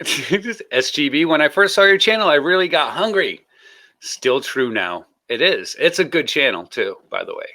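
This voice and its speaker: A man's voice: a little high, sing-song, moderate pace, pushed and bright. A man hosting a casual live stream, joking, laughing and rambling as he greets his guests.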